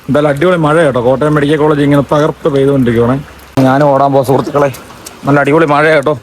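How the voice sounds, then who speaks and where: A man chats casually as a family vlogger, excitable, repeating words in quick bursts and dropping in English words. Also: fairly high pitch. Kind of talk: casual vlog chat to camera. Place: in and beside a parked car in rain. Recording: noisy outdoor and in-car phone recording. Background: vehicle and urban outdoor noise.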